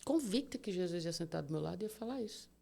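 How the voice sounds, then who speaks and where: A woman, telling her own hard story as a podcast guest, animated and vivid, acting out what people said. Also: lowish voice, quick pace, creaky. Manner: vivid, animated retelling with acted-out dialogue and sound words. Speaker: guest, cancer survivor. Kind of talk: emotional storytelling in a podcast interview.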